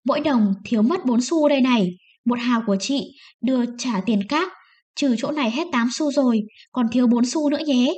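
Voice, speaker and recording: A woman's voice: a little high, a little fast, darkish tone, close to an everyday voice. A woman voicing a curt, nagging male treasurer who counts out coins.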